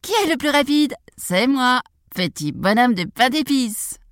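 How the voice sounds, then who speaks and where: A man's voice: extremely high pitch, animated, unhurried, a bit bright, no room sound, studio quality, pitched above the performer's own voice, full character voice. Woman doing a cheeky little gingerbread man. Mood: boastful taunting. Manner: taunting, sing-song boasting.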